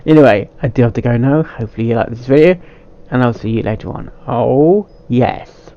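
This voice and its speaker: A man with a medium-pitched voice hosts a casual, unscripted reaction video, speaking haltingly and often stumbling, repeating phrases and starting them over. The audio sounds dull.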